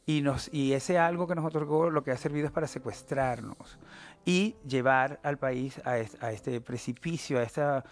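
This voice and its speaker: Appearing as a guest in a studio interview, a middle-aged novelist from Venezuela chats casually, speaking expressively and at length with theatrical asides. His voice is medium-pitched and paced normally.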